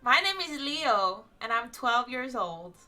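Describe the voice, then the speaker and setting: A lonely twelve-year-old boy thief, voiced by a woman speaks in a put-on Southern accent. He introduces himself haltingly, in a slightly high and very bright voice. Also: sing-song, faint music behind, exaggerated voice. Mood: shy, sheepish.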